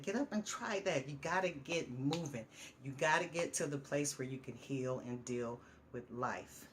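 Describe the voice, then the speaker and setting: A woman's voice: rumbling low, a little hiss or hum. A woman reads her own stories and uplifting writing aloud as a vlogger. She sounds heartfelt and encouraging, repeats phrases for emphasis, and now and then stumbles over a word. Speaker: storyteller and vlogger.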